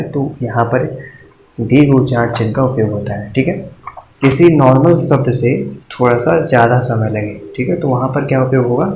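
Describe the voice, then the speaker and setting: A man gives a patient exam-prep grammar lesson in a medium-pitched voice, stopping often to check that the class follows and counting slowly out loud. The room is echoey, and a faint hiss sits under the voice. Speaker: teacher.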